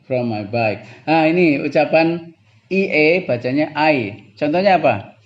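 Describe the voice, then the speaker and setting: A man's voice: a little high, lively intonation, lo-fi sound. A man teaching English pronunciation to a class, explaining patiently and chuckling now and then. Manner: explains slowly, often drifting into chuckles, switching between two languages. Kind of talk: classroom lesson.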